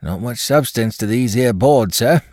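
A man voicing a rough-spoken working-class gravedigger at a coffin, in an audiobook reading. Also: mid-range voice, lively intonation, a little slow, darkish tone, no echo, clean studio sound, pitched above the performer's own voice. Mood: brisk.

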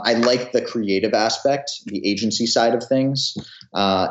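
Founder guest in his 30s, lower voice, hesitant, in a roomy room. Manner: hesitant, full of fillers and restarts. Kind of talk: interview answers. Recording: roomy, dull audio.

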